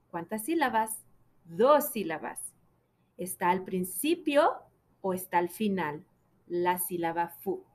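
Very slow, patient woman teacher. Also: a little high. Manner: slow, drawn-out syllables for children to repeat. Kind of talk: children's phonics lesson.

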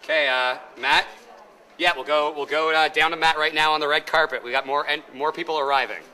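A man's voice: a little high, steady tone, fairly quick, bright, forceful tone. A man in his thirties reporting live from backstage, ad-libbing as a correspondent. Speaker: backstage pre-show correspondent. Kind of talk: ad-libbed live event reporting. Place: cluttered backstage storage room. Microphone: handheld mic. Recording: echoey backstage room.

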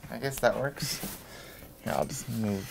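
A man's voice: mid-range voice, a little slow, gravelly, very noisy. A young man filming a student project, giving hesitant, casual directions full of fillers. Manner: hesitant, filler-heavy, mumbled asides. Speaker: student filmmaker directing a shoot. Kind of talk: casual on-set chat.

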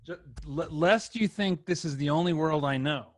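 A middle-aged podcast host makes casual conversation indoors in a small room with a sofa, his slightly high voice at a moderate pace. He speaks into a close desk microphone and headset.

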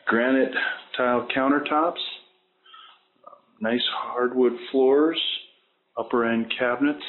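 A man giving a walkthrough tour of a house and its grounds as a real estate agent, talking unhurriedly and plainly with many fillers. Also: mid-range voice. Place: walking through a house and its grounds. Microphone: handheld camera mic. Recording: thin phone-like sound with faint noise.

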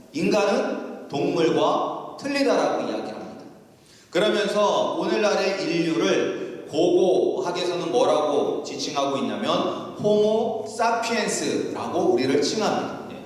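High-voiced male pastor in echoey hall. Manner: asks the congregation questions and answers them himself. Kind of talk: sermon. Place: church sanctuary. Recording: echoey church hall, mic at a distance.

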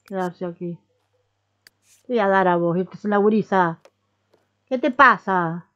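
A woman's voice: fairly low pitch, fairly even intonation, moderate pace, a little mellow, lo-fi sound. A woman with a Rioplatense Spanish accent giving casual let's-play commentary, chatty and coaxing as she talks to her characters like babies. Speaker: gaming YouTuber.

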